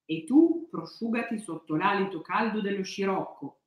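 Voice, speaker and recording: A woman's voice: mid-range voice, moderate pace, close to an everyday voice. A woman reading a hungry storybook wolf. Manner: blunt and greedy. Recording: echoey room.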